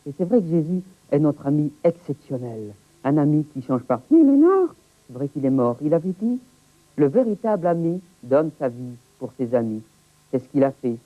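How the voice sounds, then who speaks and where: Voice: medium pitch, lively intonation, moderate pace. A presenter of a children's religious show explaining faith in dialogue, on thin tape audio. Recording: tinny phone-like VHS tape audio.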